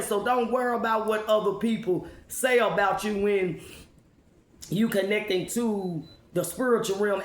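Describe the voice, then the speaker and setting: Woman testifying in an echoey room. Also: medium pitch. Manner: emphatic, repetitive, with rhetorical questions and check-ins. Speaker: spiritual speaker addressing followers. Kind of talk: informal motivational testimony.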